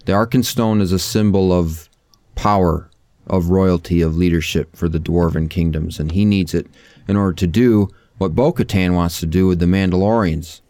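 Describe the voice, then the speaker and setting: A man in a casual podcast chat, explaining a comparison in a measured, thoughtful way. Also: low voice, mellow, no room sound. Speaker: podcast co-host.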